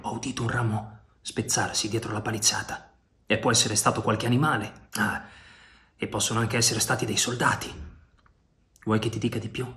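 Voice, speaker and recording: A man's voice: on the low side, little pitch movement, moderate pace, voice pushed down, lightly acted. Bold loyal pirate man, a man doing him, barks orders and teases his friend. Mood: hushed. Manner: urgent, shouting commands. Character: bold brash male pirate adventurer, teasing and loyal.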